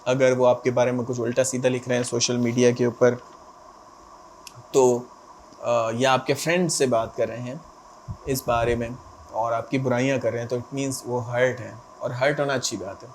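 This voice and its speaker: A man at an ordinary mid pitch talks his viewers through relationship advice, leaning hard on each point and checking in with quick asides. A faint noise sits under the voice. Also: fairly even intonation. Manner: emphatic, repeats "theek hai" as a check-in. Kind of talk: direct-to-camera advice talk.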